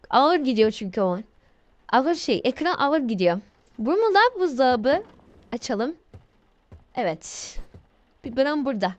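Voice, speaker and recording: A young woman playing a horror game while commentating, with excitable, easily startled exclamations. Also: high-pitched, no room sound. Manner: jumpy, shrieking exclamations when scared. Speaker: gamer.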